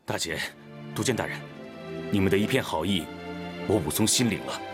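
An actor playing an upright, reserved warrior in a period drama, speaking earnestly and with formal politeness, over background music. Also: male voice, sits low, a little fast, natural voice. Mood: reluctant, earnest. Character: upright, reserved male warrior, respectful younger brother. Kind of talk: Chinese period television drama acting. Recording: background music under dialogue.

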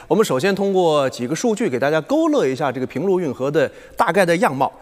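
A man's voice: fairly high pitch, very animated, quick pace, in a large hall. A man presenting live as a formal news anchor, explaining point by point. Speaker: news programme host. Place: live television studio.

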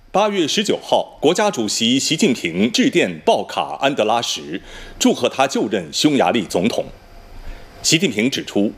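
A man reading scripted television news as an anchor in standard mainland Mandarin, in a formal, measured way with precise enunciation. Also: medium pitch.

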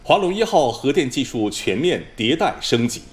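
A man's voice: mid-range voice, sing-song. Formal male Chinese news anchor, dynamic intonation. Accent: standard mainland Chinese Mandarin. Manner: solemn, measured, precise enunciation.

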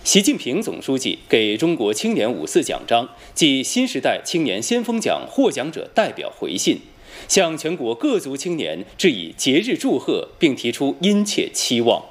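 A man with a standard mainland Mandarin accent reading scripted news as an anchor, formal, measured and precisely enunciated. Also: medium pitch, huge pitch swings. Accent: standard mainland Chinese Mandarin.

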